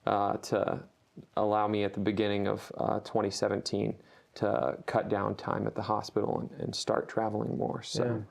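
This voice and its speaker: A man from rural Ohio, a guest musician talking casually in an interview, relaxed and halting with lots of fillers. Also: on the low side, vocal fry. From rural Ohio, USA.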